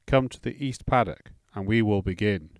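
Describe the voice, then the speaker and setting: A man's voice: lowish voice, normal speed, dry recording, studio quality, lightly acted. A man voicing a stern village lord and father who gives curt orders. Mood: commanding. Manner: curt, commanding.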